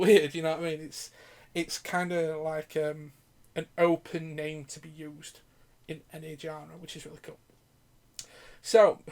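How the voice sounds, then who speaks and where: A gaming channel host with a fairly high voice gives loose, live commentary over his gameplay. He drifts from one viewer question to another, swearing casually and laughing along the way.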